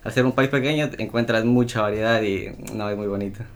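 A man speaks as a guest in a low voice. He halts often, with fillers and restarts. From Ecuador. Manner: halting, many fillers and restarts. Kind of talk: casual chat.

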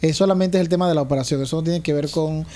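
Fast-talking male interviewer. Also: on the high side, warm tone. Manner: brisk, leading questions.

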